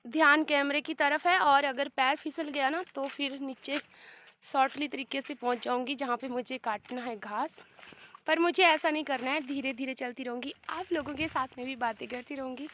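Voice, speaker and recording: A woman's voice: sits high, fairly bright tone, slight background noise. A woman with a sore throat, chatting to viewers in a casual walk-along vlog on a hillside. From Himachal Pradesh, India. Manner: chatty, talks straight to viewers. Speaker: village life vlogger. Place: outdoors on a steep grassy hillside.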